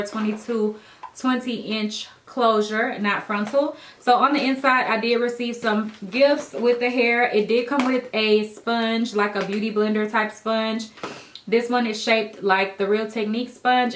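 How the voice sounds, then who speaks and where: A woman hair vlogger talking viewers through a wig tutorial in a chatty, relaxed way. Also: on the high side, a little hiss or hum. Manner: chatty, relaxed, addresses viewers as dolls and guys. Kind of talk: casual tutorial talk to camera. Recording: roomy echo.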